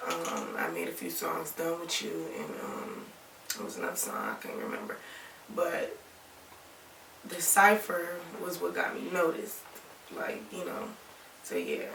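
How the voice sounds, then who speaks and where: A young woman from Alabama, raised in Ohio, chatting casually in an interview, relaxed and rambling with lots of "like". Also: sits low, a little slow, vocal fry, recorded from a distance, a little hiss or hum. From Alabama, raised in Toledo, Ohio. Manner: relaxed, rambling, many "like" fillers. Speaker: rapper and singer, interview guest. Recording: echoey room, voice off-mic.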